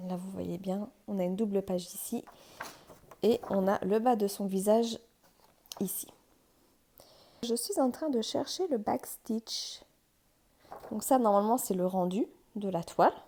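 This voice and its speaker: A young woman hosts a relaxed crafts vlog, gushing with excitement as she unboxes a new kit. Her voice is mellow and warm, mid-pitched, and she laughs often between chatty, meandering sentences. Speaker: crafts channel host.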